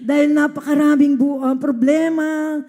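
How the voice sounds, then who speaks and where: A woman's voice: sits high, flat delivery, moderate pace, mellow. A woman from the Philippines giving an earnest testimony to a church congregation, often addressing her listeners as beloved.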